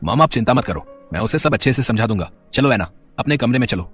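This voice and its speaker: A man's voice: medium pitch, animated, fairly bright tone, slightly rough, dry recording, soft background music. A man voicing a reassuring young adult son who talks his mother down. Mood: placating. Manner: quick, reassuring.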